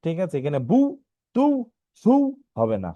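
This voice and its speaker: Man teaching Quran reading, slow and patient. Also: a little high, very animated, mellow, dry recording. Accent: Bangladeshi Bengali. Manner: explains slowly, often asks "right?", spells letters out. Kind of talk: online lesson.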